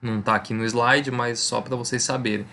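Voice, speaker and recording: A man's voice: mid-range voice, fairly even intonation, a little fast, creaky, bright, forceful tone. A man teaches a recorded physics lesson in a mid-range voice. He explains step by step, repeats the key points, and checks in with his students after almost every sentence. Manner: conversational, checks in with "tá?" and "né?". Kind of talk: recorded online lesson over slides.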